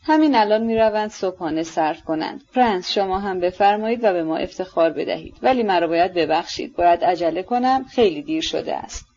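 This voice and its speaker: A woman's voice: fairly low pitch, animated, few pauses, a little mellow. A woman voicing an elderly general who talks hastily and soothingly to his wife while edging away, on a dull lo-fi recording. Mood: hurried. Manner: hasty, soothing, evasive. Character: hurried, placating elderly general, a husband.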